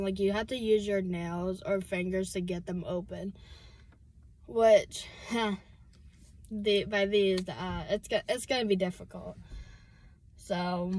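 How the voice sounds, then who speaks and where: A woman's voice: mid-range voice, a little mellow. A seventeen-year-old girl vlogging while driving, rambling and hesitant with lots of fillers and restarts. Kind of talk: casual chat while driving. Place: inside a car.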